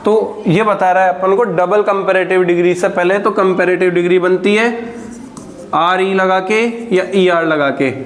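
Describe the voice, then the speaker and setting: Male tutor, fairly high voice, spells out examples slowly and quizzes the class himself. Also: steady tone, a little hiss or hum. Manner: slow, drawn-out dictation of examples, asking and answering his own questions. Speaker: teacher. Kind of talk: grammar lesson.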